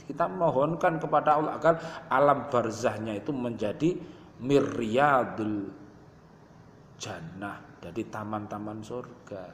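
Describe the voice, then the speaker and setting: A man's voice: mid-range voice, unhurried, a little hiss or hum. A man in his fifties with a Javanese accent, preaching a sermon and telling stories in which he acts out his parents' prayers. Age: 50s. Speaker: Islamic preacher. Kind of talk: sermon mixing Indonesian and Javascript dialect. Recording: echoey hall with long reverb.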